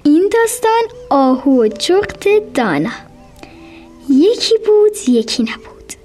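A woman tells a children's story in a soft, gentle voice and often slips into a whisper. Her voice is high, with faint music playing behind her.

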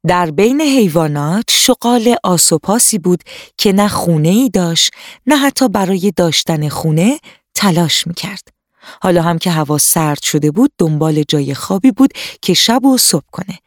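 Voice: mid-range voice, no echo, clean studio sound. A storyteller narrating a scripted children's story for a radio program, addressing the young listeners.

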